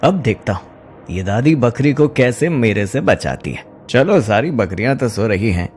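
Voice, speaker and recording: A man's voice: mid-range voice, big pitch swings, measured pace, a little mellow, faint music behind. A man voicing a greedy, scheming young man who coaxes and schemes in a cartoon story. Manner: coaxing, sly.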